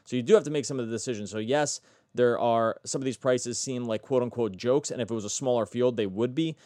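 A man's voice: mid-range voice, fast, warm tone, no echo, studio quality. A man hosting a sports betting podcast, chatty and self-correcting as he talks. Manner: chatty, self-correcting, asks guest questions. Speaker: podcast host. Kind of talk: casual podcast talk.

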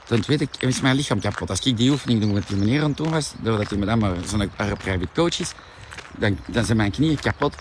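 A man with a Flemish accent, ranting animatedly and swearing as he pitches a diet product on a live vlog. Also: lively intonation, a little fast, slight background noise. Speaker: product seller.

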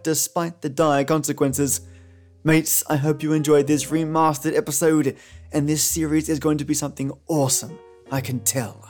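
This podcast host's voice sits on the high side and is a little mellow. He performs scripted narration and commentary with a storyteller's theatrical flair while guitar music plays in the background.

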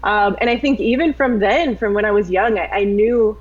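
A woman from Tennessee, a filmmaker on a panel, speaking earnestly and in a measured way. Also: mid-range voice. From Tennessee, USA. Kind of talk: panel discussion answer. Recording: slightly dull lo-fi audio.

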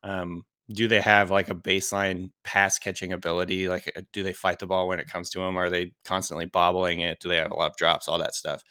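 A man's voice: low-pitched, little pitch movement, brisk, hardly any pauses, pushed and bright, clear, resonant tone, dry recording, studio quality. A man talking casually as a podcast guest and analyst, informal, peppering his talk with "like" and "you know".

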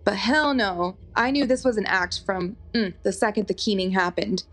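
A woman's voice: mid-range voice, moderate pace. A woman narrating a first-person true story in a conversational way, full of fillers and asides. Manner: conversational, animated, many fillers. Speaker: podcast narrator.

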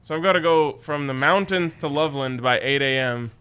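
A man's voice: fairly high pitch, fairly quick, sharp tone, clear, resonant tone. An American man hosting a sports betting show, chatting casually in a slangy, joking, blunt way.

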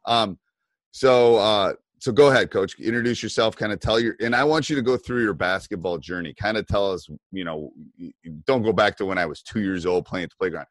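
Host: male coach, lower voice, loose rambling delivery, dry close sound. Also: a little fast, dry recording. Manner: rambling, many fillers and restarts. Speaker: podcast host, basketball coach. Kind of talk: casual podcast chat.

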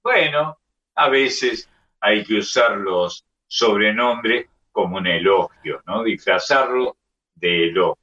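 A man, a radio host chatting casually and reminiscing in an unhurried way. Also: fairly low pitch, expressive, bright, forceful tone. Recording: dull sound, distant mic.

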